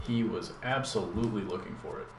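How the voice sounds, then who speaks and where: Talking a little fast, a man with a low, deep voice hosts casual live gameplay commentary, musing out loud and rambling with fillers in a relaxed manner. His echoey room carries constant background noise under every word.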